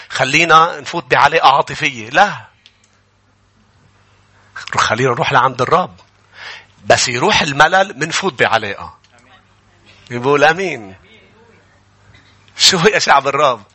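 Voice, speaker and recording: Bright, husky pastor. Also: male voice, on the high side. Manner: emphatic, questions the congregation, builds to fervent peaks. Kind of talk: Bible-study sermon.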